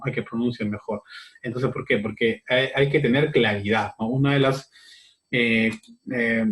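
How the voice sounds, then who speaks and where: Male teacher, mid-pitch, talks through a class lesson with fillers and tag questions. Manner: repeats phrases while explaining. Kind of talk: recorded class explanation.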